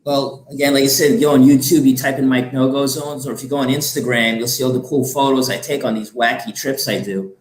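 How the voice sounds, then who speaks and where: A man's voice: mid-range voice, fairly even intonation, a little fast, hardly any pauses, slight background noise. A man, a guest on a casual podcast chat, telling a travel story in an earnest way. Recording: echoey room.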